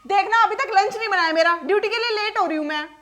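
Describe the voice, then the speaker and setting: Woman doing a nasty snobby daughter-in-law, super high shrill voice, scolding everyone. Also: quick pace, fairly bright tone. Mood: scornful. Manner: harsh, scolding, contemptuous. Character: arrogant daughter-in-law with a government job, cruel and scornful.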